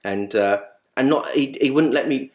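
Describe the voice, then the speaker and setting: A man being interviewed, reminiscing about a late colleague in a rambling, halting way with many restarts, growing animated when he retells funny stories. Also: mid-range voice. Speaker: guest.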